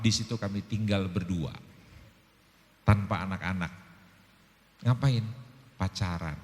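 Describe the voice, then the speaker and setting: A man's voice: on the low side, in a large hall. A male pastor in his fifties preaching a sermon, telling stories animatedly and acting out quoted dialogue.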